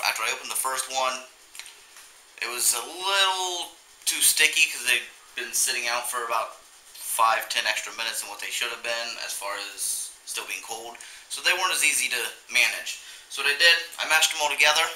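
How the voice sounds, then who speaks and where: Sitting at his kitchen table, a thirty-something man with a mid-range voice walks through a home cooking video in a relaxed, rambling way, filler words and all. It's recorded on a camera mic in an echoey kitchen, with slight background noise.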